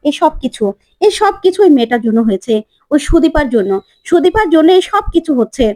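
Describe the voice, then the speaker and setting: A woman doing a domineering older matriarch who scolds and rails at her family. The voice sits high but sounds mellow, with a dry, close sound. The character comes through in a serial recap told aloud. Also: expressive, a little fast, no room sound. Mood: angry. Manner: scolding, indignant. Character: angry older mother-in-law, domineering matriarch.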